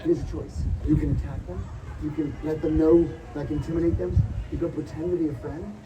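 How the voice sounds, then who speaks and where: A man hosting a live tabletop role-playing show as game master, narrating theatrically with dramatic, drawn-out suspense. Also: fairly high pitch, steady tone. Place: outdoor stage at a Renaissance fair. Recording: distant mic, loud crowd and noise.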